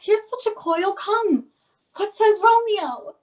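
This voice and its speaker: Woman cast as a pleading, lovestruck young girl; high and slow, off-mic. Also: lively intonation, darkish tone, far from the mic, heavily acted, poor audio. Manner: impatient, pleading. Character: impatient young girl in love. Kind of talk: amateur Shakespeare reading.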